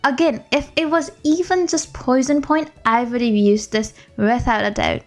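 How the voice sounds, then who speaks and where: Chatty, high-voiced woman streamer. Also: fairly even intonation, soft background music. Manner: chatty and rambling, quick to laugh. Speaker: game streamer. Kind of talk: casual livestream chat. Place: room at home.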